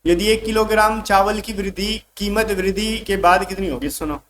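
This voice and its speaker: High-voiced man teaching exam math. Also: a bit bright, slight background noise. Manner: calls students "bhai", reads English questions slowly. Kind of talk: exam-prep math lesson.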